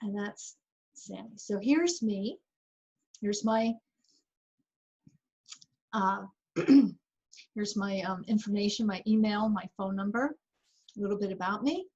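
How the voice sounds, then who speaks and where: A woman's voice: medium pitch, slow pace, pauses often, darkish tone, slightly rough, dull audio. A woman therapist giving a chatty, conversational workshop presentation, laughing often between points.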